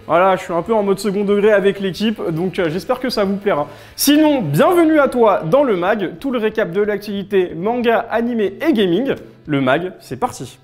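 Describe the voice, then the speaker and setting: A man's voice: high voice, expressive, normal speed. A man hosting a casual weekly news recap from an office, chatty and playful, talking straight to his viewers. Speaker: host of a weekly manga and gaming news show.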